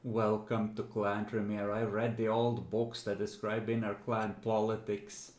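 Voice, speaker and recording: A man's voice: on the low side, flat delivery, unhurried, a little mellow, echoey room. A man running a tabletop role-playing game as game master, narrating conversationally in a teasing, dramatic way.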